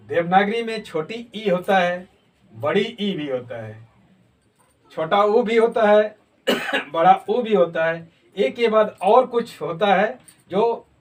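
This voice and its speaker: Slow high-voiced man teaching script. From Jharkhand, India. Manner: slow, repeats sounds to demonstrate them. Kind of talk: explanatory lesson. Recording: voice from a distance.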